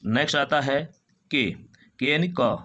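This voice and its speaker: A man teaching a phonetics lesson, reading out example words slowly and with drawn-out care. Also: medium pitch, a bit bright, lo-fi sound. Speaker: English teacher.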